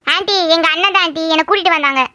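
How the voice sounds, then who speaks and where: A woman's voice: very high voice, very fast, bright, forceful tone, pitched below the performer's own voice. Woman doing a polite schoolgirl.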